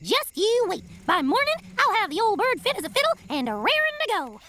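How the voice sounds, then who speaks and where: A woman's voice: extremely high pitch, huge pitch swings, fairly quick, pushed and bright, a little hiss or hum, heavily acted. A woman voicing an eager boy bee who talks like a folksy old prospector in a cartoon audio drama. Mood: cocky, eager. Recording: music behind the voice.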